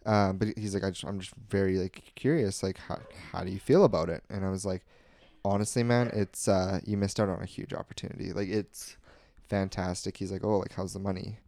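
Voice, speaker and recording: A man's voice: low voice, fairly even intonation, a little fast, warm tone, dry recording, studio quality. A young man co-hosting a podcast, telling stories in a loose, filler-heavy way and acting out the lines he quotes. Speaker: podcast co-host. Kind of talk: casual storytelling chat.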